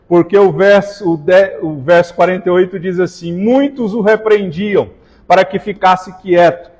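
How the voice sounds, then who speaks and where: High-voiced pastor preaching in a reverberant hall. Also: male voice, darkish tone. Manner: preaching with slow emphatic stresses and joking asides to the congregation. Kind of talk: sermon. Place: church hall.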